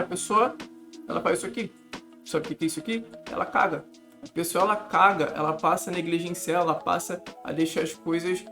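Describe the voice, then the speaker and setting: High-voiced man giving earnest study talk. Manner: animated, addresses viewer as "cara", emphatic repetition. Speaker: study coach. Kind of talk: casual talk to camera.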